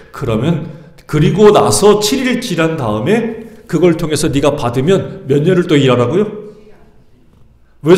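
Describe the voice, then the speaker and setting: A middle-aged man preaching a sermon as pastor, animated and putting questions to the congregation. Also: on the high side, roomy sound. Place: church sanctuary.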